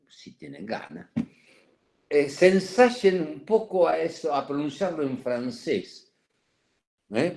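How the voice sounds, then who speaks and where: A man's voice: mid-range voice, a little mellow. A man giving a psychoanalysis seminar lecture, digressive and full of "¿eh?" tag questions, with a cough and an itchy throat.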